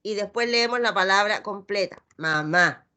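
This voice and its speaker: This is a middle-aged woman with a Chilean Spanish accent patiently working through letters and syllables in a reading lesson. She talks at a normal speed in a sharp, medium-pitched voice.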